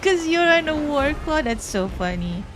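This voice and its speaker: A woman's voice: high voice, big pitch swings, normal speed. A woman streamer chatting casually with viewers and reacting as she plays a game. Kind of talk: casual live gameplay chat. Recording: game music behind voice.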